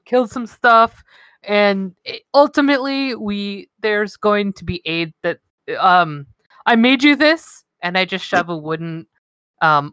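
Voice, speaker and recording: Woman doing a nervous stammery guy warrior, slow halting talk, dry close sound. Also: medium pitch, fairly bright tone, no echo. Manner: stammering, halting, clearing throat. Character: flustered, nervous young male warrior.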